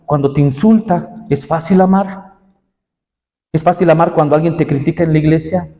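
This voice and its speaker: A man preaches a sermon to the young, his delivery impassioned, with rises in pitch to drive each point home. His voice sits a little high yet sounds dark and mellow. A long church-hall reverb trails after his words. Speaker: pastor.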